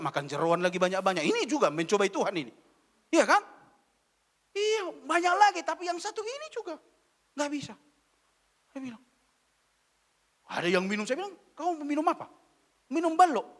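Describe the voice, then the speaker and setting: Male evangelist from Indonesia, high lively voice, blunt scolding sermon full of anecdotes. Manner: blunt, scolding, animated storytelling with quoted dialogue. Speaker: evangelist preacher. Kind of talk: sermon with storytelling. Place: church.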